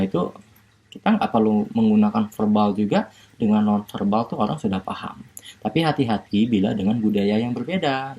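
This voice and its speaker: Guy lecturing online, husky and a bit low, lots of uh and "right?" as he explains. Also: warm tone, lo-fi sound. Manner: explains slowly with many fillers and tag questions. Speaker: university lecturer.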